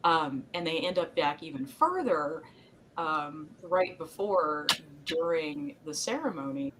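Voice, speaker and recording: A woman's voice: sits low, expressive, takes it slowly, noisy background. A woman co-hosting a podcast, recapping an episode in a chatty, meandering way with frequent laughs. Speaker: podcast co-host. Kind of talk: casual chat recapping a TV episode.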